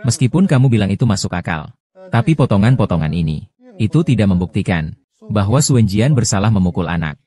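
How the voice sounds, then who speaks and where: A man with a low, dark and mellow voice reads out a drama recap. He gives every character's lines in the same even voice. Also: brisk.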